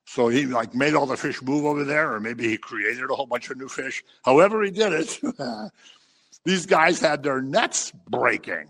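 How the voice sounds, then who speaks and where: A man preaching a sermon in a conversational, animated way, acting out the voices of the people he quotes. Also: medium pitch, moderate pace, gravelly. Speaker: pastor.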